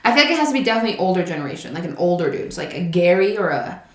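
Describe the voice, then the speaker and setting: A woman's voice: lowish voice, big pitch swings, racing, echoey room. A woman, a teacher, co-hosting a casual podcast chat in a playful, slangy way.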